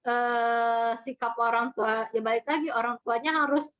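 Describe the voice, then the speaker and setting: A woman's voice: on the high side, fairly even intonation, normal speed, a bit bright. Woman child therapist, webinar guest, chatty explainer, lo-fi call audio. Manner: chatty, explains with examples, acts out parent and child. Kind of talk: webinar talk giving parenting advice. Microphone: video call. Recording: muffled online call audio.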